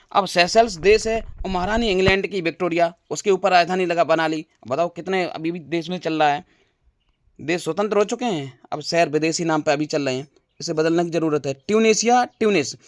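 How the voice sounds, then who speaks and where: Male teacher, higher voice, close dry mic, drills facts with playful wordplay tricks. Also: no echo. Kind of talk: exam-prep general knowledge lesson.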